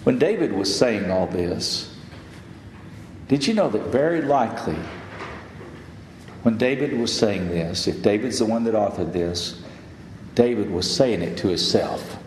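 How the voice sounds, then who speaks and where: A pastor preaching a sermon, reading scripture aloud and swelling into loud, emphatic peaks. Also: male voice, on the low side, lively intonation, a little slow, long pauses, slight background noise. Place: church sanctuary. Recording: roomy hall reverb, faint ambience.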